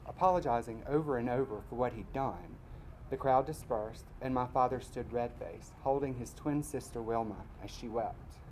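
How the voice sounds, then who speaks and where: A man from Mississippi, reading his personal essay aloud at a live event in a measured, wry way. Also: medium pitch, a little mellow, a little hiss or hum, low-quality recording. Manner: measured storytelling, wry asides.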